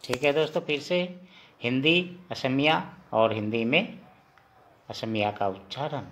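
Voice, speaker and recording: Slow, drilling male language teacher. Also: medium pitch, fairly bright tone, slight background noise. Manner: slow and deliberate, repeats each sound and drills it with questions. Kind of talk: slow spoken alphabet lesson.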